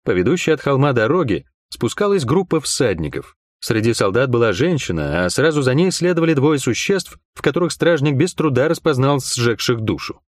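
A man narrating a fantasy audiobook in a measured, expressive storytelling manner. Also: medium pitch, no room sound, studio quality. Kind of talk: scripted narration.

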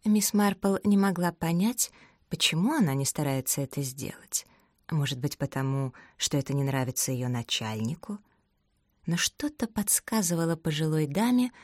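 A woman narrating an audiobook in a steady, measured storytelling manner. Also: sits low, no room sound, studio quality. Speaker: audiobook reader. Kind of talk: scripted narration.

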